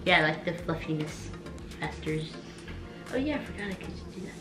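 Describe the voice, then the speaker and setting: A woman's voice: sits low, lively intonation, normal speed. A young woman co-hosting a kitchen vlog with her sister, teasing, playful and given to mumbled asides. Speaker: host's sister, co-host. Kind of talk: casual kitchen vlog banter. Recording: echoey room with loud music.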